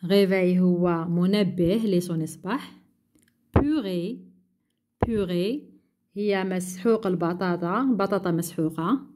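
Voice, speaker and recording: A primary school teacher works through a workbook, speaking slowly and patiently in a lowish, mellow voice. She repeats each word and gives its Arabic translation.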